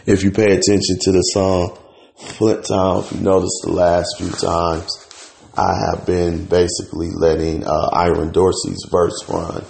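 A man's voice: deep voice, flat delivery, a little slow, gravelly, a little mellow, slight background noise. A man hosting a casual morning show, rambling with many fillers, his voice audio crunchy and bitcrushed. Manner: rambling, filler-heavy, many uh's and restarts. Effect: crunchy, bitcrushed-sounding voice audio. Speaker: show host.

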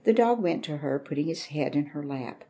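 Storybook narrator, a woman, low and mellow, steady and measured. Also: slightly rough.

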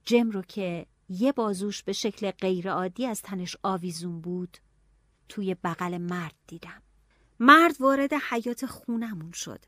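Expressive woman reading a novel aloud. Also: mid-range voice, no echo, studio quality. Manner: expressive, shifting to hushed whispers and anxious cries. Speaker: audiobook narrator. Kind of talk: dramatic audiobook narration.

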